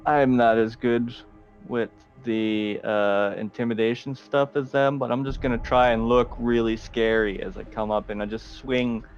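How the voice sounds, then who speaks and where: A man's voice: mid-range voice, flat delivery, normal speed, faint music behind. A man playing a tabletop game, describing his moves plainly with some joking. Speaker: player. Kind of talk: casual tabletop game play. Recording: dull lo-fi mic.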